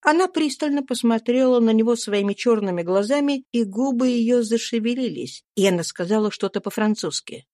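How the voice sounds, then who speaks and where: A woman reading a classic novel aloud as an audiobook narrator, in even, measured storytelling. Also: on the high side, dry recording, studio quality. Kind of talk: scripted literary narration.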